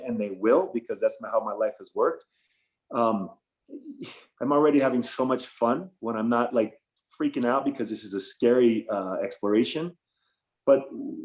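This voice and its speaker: A man's voice: medium pitch, a little mellow. A middle-aged man speaking as an interview guest over a video call, enthusiastic and reflective, with fillers and restarts. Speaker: guest, photographer and former tour business owner. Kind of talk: casual interview talk.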